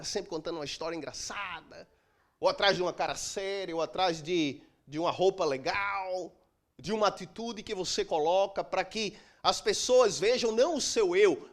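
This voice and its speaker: A middle-aged man preaching a sermon as pastor, emphatic, with dramatic pauses and swings from loud to soft. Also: sits high. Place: church.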